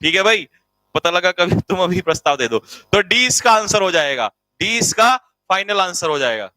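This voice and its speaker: A man's voice: high-pitched, very animated, normal speed, pushed and bright, no room sound, poor audio. A man teaching vocabulary to a class. He teases the students and repeats each meaning so they can write it down. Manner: teasing, jokey, calls students beta and bhai. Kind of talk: classroom vocabulary lesson in Hindi.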